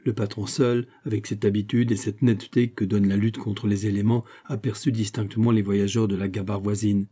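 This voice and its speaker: Dark husky male audiobook narrator. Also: on the low side, flat delivery, a little fast, few pauses. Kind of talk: scripted narration.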